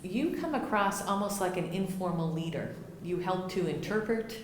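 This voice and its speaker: A woman's voice: on the low side, expressive, normal speed, a little hiss or hum. Affirming female interviewer, echoey room. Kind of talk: conversational interview.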